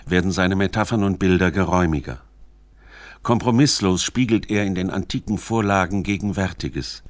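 A literary radio essay is narrated by a man with a low voice in a measured, formal manner. The sound is close and dry, with no room sound around it.

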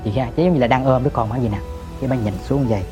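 A man telling a ghost story, dropping to hushed murmurs and jumping to sudden shouts, talking straight to his listeners. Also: medium pitch, racing, music in the background. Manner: addresses listeners directly.

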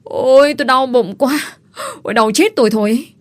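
A woman voicing a scheming young pregnant village woman who wails and pleads loudly. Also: mid-range voice, expressive, moderate pace, natural voice. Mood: wailing. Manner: loud, wailing, pleading.

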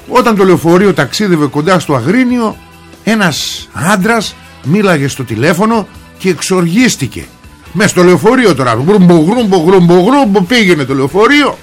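A man hosting a radio show, retelling a news story in a colloquial, rambling way with joking asides to his listeners. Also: on the high side.

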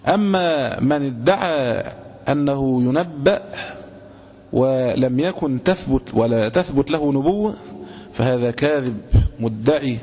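Guy giving a slow religious lesson, says stuff twice, kinda muffled recording. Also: fairly high pitch, a little mellow, a little hiss or hum. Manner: deliberate, repeats key words. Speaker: religious teacher. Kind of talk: lecture explaining a hadith book.

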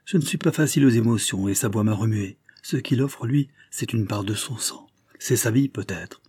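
A man's voice: lowish voice, normal speed, a little mellow, husky, no room sound, studio quality. A man voicing a proud young noblewoman who speaks in a bitter, reproachful, impassioned way. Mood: earnest.

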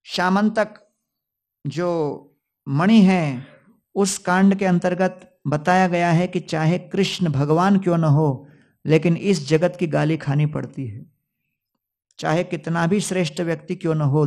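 A man's voice: fairly high pitch, a little slow, a little mellow. A male preacher telling a devotional scripture story, quoting Sanskrit verses and mixing in English words.

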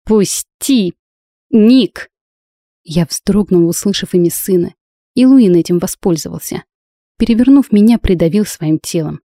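A woman's voice: on the low side, normal speed, dark tone, dry recording. A woman narrating a first-person fantasy audiobook with intense, emotional delivery, recorded close to the mic.

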